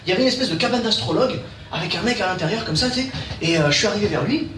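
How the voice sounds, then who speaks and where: Fast, high-voiced male stand-up comic. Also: expressive, distant mic. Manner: chatty storytelling, addresses the audience with asides. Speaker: stand-up comedian. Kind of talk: stand-up comedy routine. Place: comedy bar stage. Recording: roomy live stage recording from afar with noise.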